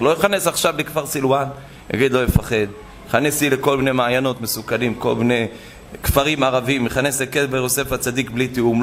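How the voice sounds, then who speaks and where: Man, rabbi, fiery sermon, gravelly voice, faint room ambience. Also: medium pitch, slight background noise. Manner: impassioned, swings between hushed and shouting.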